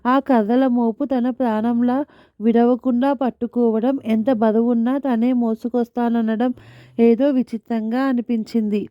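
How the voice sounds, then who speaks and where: A woman narrating a story in the first person, in a steady, reflective storytelling manner. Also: fairly high pitch, a little slow, dry recording, dull audio.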